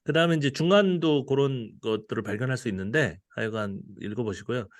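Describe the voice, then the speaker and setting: A man with a brisk, mid-range voice gives a casual, conversational Bible study lecture, laughing often and letting his voice fall at the ends of phrases.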